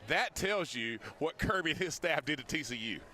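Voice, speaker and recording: A man talks sports on a live outdoor broadcast. His voice is bright and forceful, and he spins stories in loose, colloquial language like a former player. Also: fairly high pitch, moderate pace. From Wrightsville, Georgia, USA. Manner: colloquial, animated storytelling. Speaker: former football player, guest analyst. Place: outdoors at a parade.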